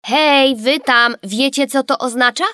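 A woman reading an audiobook voices an excitable young girl who keeps insisting she be heard. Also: sits high, a little slow, clean tone, dry recording, studio quality, pitched above the performer's own voice. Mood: excited. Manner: bright, insistent, exclaiming.

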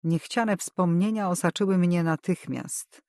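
A woman narrating a first-person novel as an audiobook, measured and expressive. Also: fairly low pitch, no echo, clean studio sound.

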